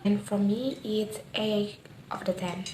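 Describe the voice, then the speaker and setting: A woman with an Indonesian accent doing a casual food review vlog in simple, halting non-native English. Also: mid-range voice, steady tone, darkish tone. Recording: echoey room with faint background noise.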